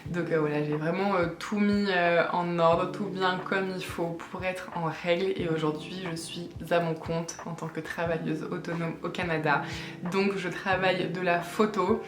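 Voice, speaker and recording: Her voice sits on the low side with fairly even intonation and a moderate pace, and the recording is reverberant. She's a French woman in her late twenties, a vlogger chatting casually to camera with plenty of hesitations and fillers.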